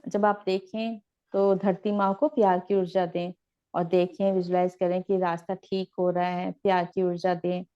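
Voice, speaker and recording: A woman teaching meditation in a gentle, repetitive, instructive way. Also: on the low side, flat delivery, normal speed, smooth, lo-fi sound. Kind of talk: guided spiritual teaching.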